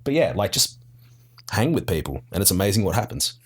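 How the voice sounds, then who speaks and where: Australian man, very deep voice, relaxed rambling podcast chat, self-mocking. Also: a little fast, slightly rough. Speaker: podcast guest. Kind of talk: casual chat.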